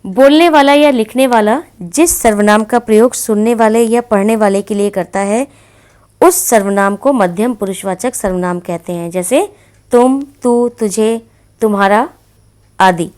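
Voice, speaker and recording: A woman teaches grammar to children in classroom style, explaining patiently and repeating many examples. Her voice is medium in pitch, a little mellow, and her delivery is unhurried.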